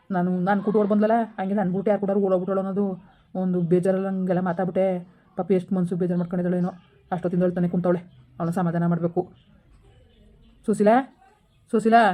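A woman voicing a jealous, remorseful village husband, scolding and then coaxing in rapid speech. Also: on the low side, mellow, natural voice.

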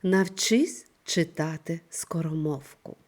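A woman teaching a primary school reading lesson, speaking slowly and clearly in an instructive manner. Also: low-pitched. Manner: slow, clear, instructive delivery with lively intonation. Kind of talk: scripted online reading lesson.

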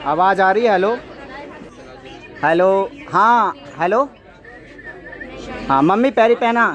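A young man loudly faking a phone call as a prank on a metro train, cooing and coaxing the person on the line. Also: sits high, slow. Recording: busy crowd and loud noise behind.

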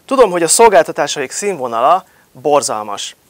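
Very animated and on the high side, a marketing speaker in his thirties makes a forceful promotional address to camera, full of rhetorical questions. The studio lapel-mic recording has no echo.

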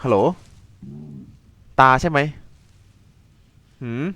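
A man hosting a let's play, talking excitably over the game and yelping and swearing when things get tense. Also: drawn-out words, no room sound. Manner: excitable, yelps and swears in panic. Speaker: gaming channel host.

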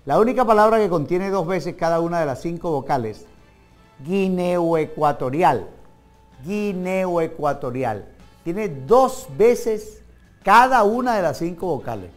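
Playful Venezuelan TV host, teasing banter. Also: male voice, sits high, sing-song, soft background music. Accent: Venezuelan Spanish. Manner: playful and teasing, jumps between fast asides and slow stressed words. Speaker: TV show host. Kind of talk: comic talk-show banter reading word trivia.

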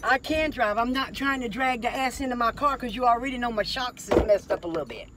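Loud swearing mother scolding in a car. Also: on the high side, brisk, slight background noise. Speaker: prankster's mother. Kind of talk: heated profane scolding in a car. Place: inside a parked car.

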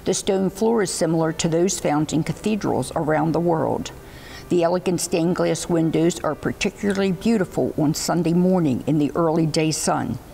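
A woman's voice: deep voice, normal speed, vocal fry, dark tone, rough recording. An older woman, a lifelong church member, describing the sanctuary admiringly in an interview inside a church.

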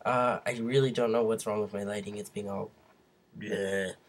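A man's voice: fairly low pitch, fairly even intonation, normal speed. A young man with hiccups, giving a rambling casual update to viewers on his computer's mic at home. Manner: rambling, restarts, frequent fillers. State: has hiccups; sick. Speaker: vlogger. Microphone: computer webcam mic.

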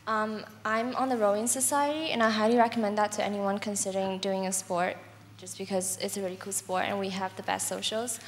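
A woman's voice: mid-range voice, fairly even intonation, brisk, slight background noise. Young woman from the US, student panelist, cheerful. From United States. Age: young adult. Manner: upbeat, laughs easily. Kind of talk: casual panel answer. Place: large lecture hall stage.

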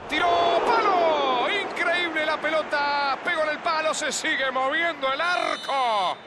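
A man playing an excitable video game football commentator, calling goals with drawn-out shouts and rapid repeats over stadium noise. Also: very high voice, over a noisy crowd. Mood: excited. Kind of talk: excited goal commentary of a penalty shootout. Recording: clear stadium noise behind.

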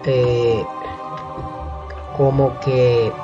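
Excitable man on a laptop mic. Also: mid-range voice, very slow. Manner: excitable, swears often, bursts into shrieks. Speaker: reaction video host. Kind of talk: casual reaction commentary. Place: at home late at night. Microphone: built-in computer microphone. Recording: dull lo-fi laptop mic with show music playing.

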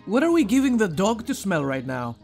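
A man hosting a casual video game playthrough, reacting and thinking out loud as he goes. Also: high voice, wildly swooping pitch, fairly quick, gravelly. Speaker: gaming video host. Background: game music.

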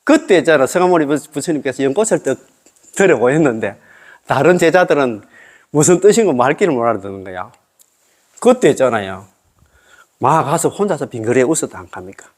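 Giving a casual dharma lecture, this Buddhist monk talks briskly at medium pitch with big pitch swings. He chuckles a lot and keeps asking listeners tag questions in a chatty way.

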